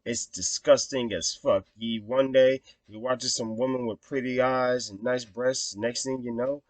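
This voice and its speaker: A man's voice: mid-range voice, fairly even intonation, measured pace, no echo. A young man hosting his own vlog, talking through a film review in a blunt, profane, rambling way with lots of fillers. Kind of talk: casual rambling commentary.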